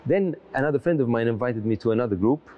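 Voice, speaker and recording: Seated in a large church, a priest and lecturer from Malta, middle-aged, responds to an interviewer. He talks fast and expressively at medium pitch, earnest and reflective but frequently starting over. The audio is dull.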